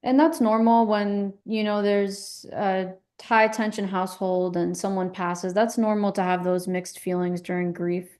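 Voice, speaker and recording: A woman playing a calm, validating couples therapist in a counselling role-play, asking gently probing questions in a measured way. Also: mid-range voice, close to an everyday voice. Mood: calm, reassuring.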